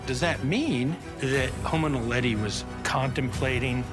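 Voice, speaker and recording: A man's voice: mid-range voice, a little slow. Awed man over swelling trailer music. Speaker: scientist in documentary trailer. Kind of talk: documentary interview soundbites. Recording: trailer audio under loud music.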